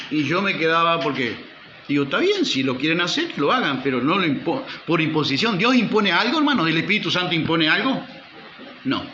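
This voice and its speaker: A man's voice: a little high, sharp tone, a little hiss or hum. A male pastor preaching a sermon, firing rhetorical questions at the congregation and calling for amen. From Uruguay. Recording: roomy, slightly dull church recording.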